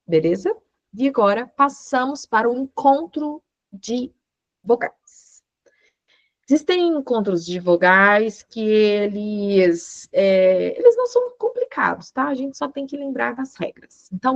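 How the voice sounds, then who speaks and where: A woman's voice: medium pitch, no echo, lo-fi sound. A woman teaching an online lesson, explaining patiently and checking in with short questions. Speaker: law teacher giving a German course.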